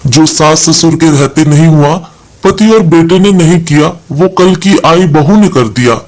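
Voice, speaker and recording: A man's voice: fairly high pitch, measured pace, darkish tone, close to an everyday voice, low-quality recording. A man reading the part of a middle-aged mother-in-law who complains and weeps about being kept hungry.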